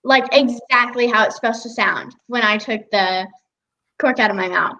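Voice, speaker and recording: A woman's voice: fairly high pitch, moderate pace, pushed and bright, slight background noise, low-quality recording. A teenage girl chatting as an interview guest about her voice-acting work, giggly and full of "like" fillers. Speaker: guest, young voice actress. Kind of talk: casual interview chat.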